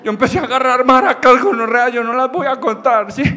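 A young Colombian man doing stand-up comedy storytelling, animated, with loud outbursts and crude slang. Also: extremely high pitch, brisk, in a large hall.

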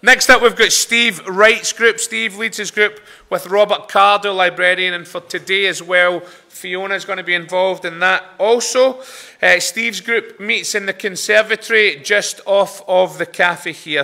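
A man in his thirties with a Glaswegian accent speaks in a very bright, forceful voice, pitched a little high. He sounds like a chapel leader talking to his congregation from a lectern. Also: fairly even intonation, measured pace, gravelly. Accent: Glaswegian Scottish. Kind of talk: informal spoken announcements from a lectern. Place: brick-walled chapel with a seated congregation. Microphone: lectern microphone.

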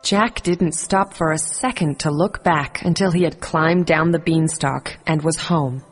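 Woman narrator for a kids' story, husky low voice, calm and measured. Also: in a large hall, faint music behind. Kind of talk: scripted narration of a children's fairy tale.

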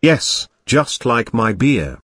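A man's voice: medium pitch, very animated, slow, fairly bright tone, breathy edge, no echo, clean studio sound, exaggerated voice. A man voicing a crude, boorish, beer-loving cartoon slacker. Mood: crude jeering. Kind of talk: cartoon parody acting.

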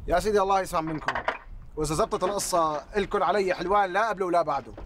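This is a troubled, polite man, played by an actor with a Syrian accent and a doubtful way of talking. He speaks very fast in a slightly high voice. Clear background noise runs under him. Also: lightly acted. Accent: Syrian Arabic. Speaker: Sayyed Mohammad, Abu Hamid.

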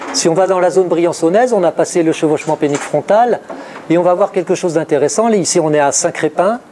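Speaking in a fairly high voice with a dark tone, a middle-aged man works through a geology lecture with slides, reading off place names steadily amid frequent fillers and self-corrections. There's a little hiss or hum on the audio, captured by a far-off camera's room mic in a big indoor lecture hall lined with blackboards.

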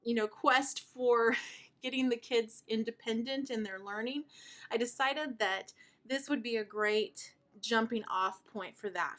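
Breathless homeschooling mom chatting. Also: female voice, mid-range voice. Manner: chatty and warmly enthusiastic, with fillers. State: out of breath, sighing. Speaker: homeschooling mother and video host. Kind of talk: casual show-and-tell explanation.

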